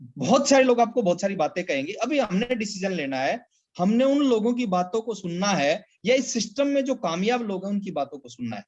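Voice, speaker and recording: A man's voice: high-pitched, very animated, a little fast, a little mellow. A man giving a motivational business talk in a webinar, emphatic and repetitive, often addressing listeners as sir. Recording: slightly dull lo-fi audio.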